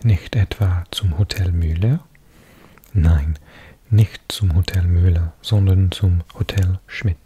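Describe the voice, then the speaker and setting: A man whispering softly and unhurriedly as an ASMR host, reading aloud close to the mic. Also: deep voice, fairly even intonation, a little hiss or hum. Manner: soft, breathy ASMR whisper, slow and unhurried.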